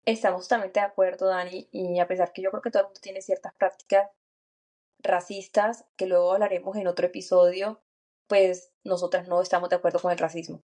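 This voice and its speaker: A woman co-hosting a podcast in a casual chat, calm and matter-of-fact. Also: fairly low pitch, a little fast. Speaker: podcast co-host.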